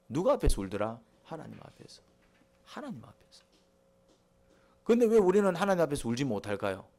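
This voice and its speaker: A middle-aged male pastor, preaching a sermon, asking the congregation questions and answering them himself. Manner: swings between quiet, low asides and loud, high emphatic lines.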